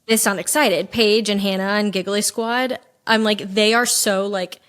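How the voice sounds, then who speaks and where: A young adult woman co-hosting a casual chat podcast, talking in a chill, easygoing, slightly monotone way. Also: mid-range voice, normal speed. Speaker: podcast co-host.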